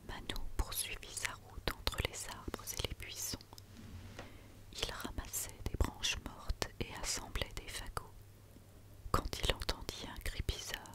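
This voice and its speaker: Woman whispering a quiet night-time tale, slowly. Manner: quiet night-time hush, slow and soothing. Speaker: storyteller reading aloud. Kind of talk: whispered ASMR reading of a children's tale.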